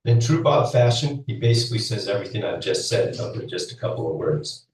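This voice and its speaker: Low-voiced man reading a eulogy. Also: expressive, brisk, darkish tone, a little hiss or hum. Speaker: speaker at a memorial, former coach. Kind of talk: prepared eulogy read aloud. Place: school hall. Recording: echoey hall, mic heard from a distance.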